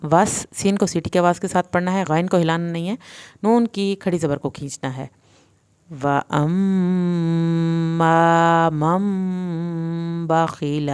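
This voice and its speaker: Patient woman teaching slow recitation. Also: low voice, a little mellow. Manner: patient, step-by-step explaining, drawn-out recitation. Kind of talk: tajweed lesson with slow recitation.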